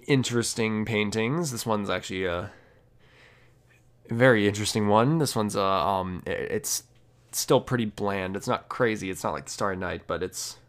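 A young man presenting art history in a casual, halting way, often stopping to correct how he pronounces names. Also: fairly low pitch. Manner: hesitant, many fillers and restarts, self-correcting pronunciations. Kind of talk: casual educational narration.

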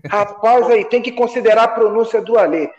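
Joking man, high voice, roomy dull sound. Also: a little fast, darkish tone. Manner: joking, mock-indignant. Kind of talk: casual football chat.

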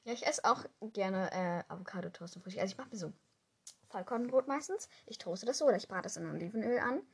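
A young woman co-hosting a casual podcast. She rambles along with lots of fillers, and her voice is strained from shouting. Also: medium pitch, lively intonation, fast talker, breathy edge. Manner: chatty, rambling with many fillers. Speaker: podcast co-host. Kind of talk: casual chat.

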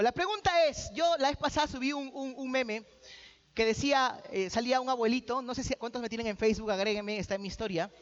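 A man's voice: very high-pitched, fairly bright tone. A man preaching a sermon, joking with the congregation and calling out to them as he retells a story. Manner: calls out to the audience. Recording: dull lo-fi sound.

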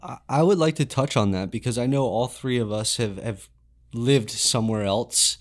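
A man's voice: medium pitch, moderate pace. A man hosting a studio podcast, asking friendly questions to prompt his guest. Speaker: podcast host. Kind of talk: casual interview chat.

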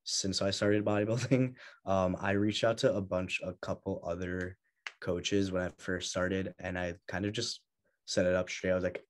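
A young man chatting in an interview, telling stories in a lively way and laughing often. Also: low voice, normal speed. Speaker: guest bodybuilder. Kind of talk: casual interview chat.

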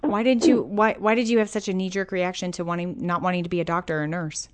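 A woman's voice: on the low side, fairly even intonation, quick pace. A North American woman hosting a podcast in an informal, effusive and emphatic conversational way. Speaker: podcast host.

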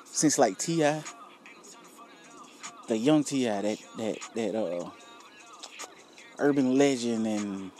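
A young man talks casually in a relaxed, warm voice with faint music behind him. His delivery is slangy and profane, peppered with tags that check the listener agrees. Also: mid-range voice, slow, long pauses. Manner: laid-back, slangy, profane, filler tags seeking agreement. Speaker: rapper promoting own music. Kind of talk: casual solo vlog chat.

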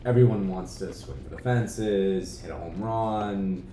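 A man's voice: deep voice, a little slow, dark tone, far from the mic, slight background noise. Man talking from off-mic in an echoey room. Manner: thoughtful, explanatory, many fillers. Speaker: podcast co-host. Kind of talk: casual chat.

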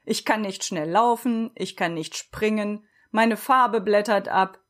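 A woman's voice: mid-range voice, unhurried, lightly acted. A woman reading a storybook aloud and voicing a small, timid wooden puppet boy who sounds anxious and pleading.

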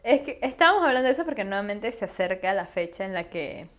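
A young woman with a Panamanian accent, co-hosting a casual podcast, telling lively stories, swearing freely and slipping into English. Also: mid-range voice, fast talker. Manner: swears often and slips into English; lively storyteller. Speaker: podcast co-host. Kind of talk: casual chat.

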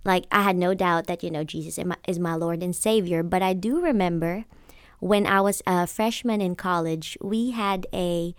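A woman's voice: on the low side, moderate pace, clear, resonant tone, dry recording, studio quality. A young adult woman from the Philippines, a podcast guest telling her story in an earnest, friendly conversational way. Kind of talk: casual conversation.

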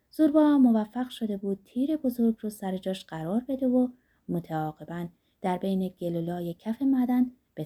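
A woman narrating a novel as an audiobook, measured and dramatic. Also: medium pitch, warm tone, breathy edge. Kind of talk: literary audiobook reading.

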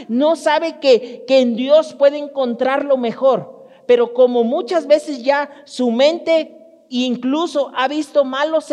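A man's voice: extremely high pitch, darkish tone. A man preaching a conversational sermon, speaking straight to his congregation and often restarting his sentences. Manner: speaks directly to the congregation, storytelling with frequent restarts. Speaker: pastor. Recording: long hall reverb.

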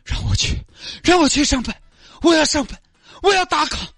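A man voicing a frazzled, stubborn working woman with a Sichuanese accent who talks in shrill, wailing pleas. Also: sing-song, moderate pace, a bit bright, dry recording, clean studio sound, full character voice. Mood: insistent. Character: frazzled stubborn woman worker, desperate for attendance bonus.

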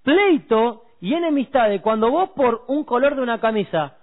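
A man's voice: very high-pitched, expressive, moderate pace. A man, talking about faith on a radio show in a preachy, emphatic way and using homely examples. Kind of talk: casual devotional radio chat. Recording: tinny phone-like radio audio.

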